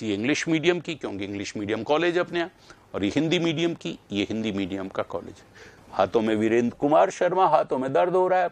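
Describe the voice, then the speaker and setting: A man's voice: mid-range voice, vocal fry, dry recording. A man teaching a live online exam-prep class, reading out students' names and drilling pronunciation aloud.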